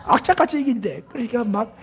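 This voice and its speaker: A man's voice: very high-pitched, big pitch swings, fast, slight background noise. An older man with a Gyeongsang accent preaching a sermon, talking with the congregation and prompting them with rhetorical questions. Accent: Gyeongsang Korean. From Gyeongsang region, South Korea. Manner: leads the congregation in repeating phrases. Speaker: pastor.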